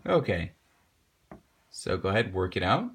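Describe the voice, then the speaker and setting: A man teaching a homework help lesson, patiently walking viewers through a math problem and encouraging them to pause and work along. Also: deep voice, sing-song, fairly bright tone, slight background noise.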